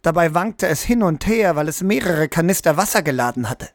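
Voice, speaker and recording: A man with a slightly raised voice narrates a story in a calm, scripted way. The sound is dry and close to the mic, with no room around it, and he lifts his voice for the characters' quoted lines. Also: a little high, brisk, no echo. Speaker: audiobook narrator.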